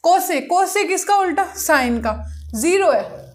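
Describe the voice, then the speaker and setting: A woman's voice: very high voice, lively intonation, slow. A woman maths teacher explaining a lesson step by step, asking the class questions and answering them herself. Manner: patient, repetitive step-by-step explaining. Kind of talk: blackboard-style maths lesson.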